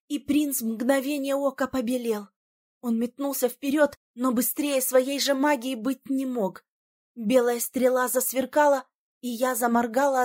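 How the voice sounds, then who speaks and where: Female narrator, fairly high voice, expressive first-person audiobook reading.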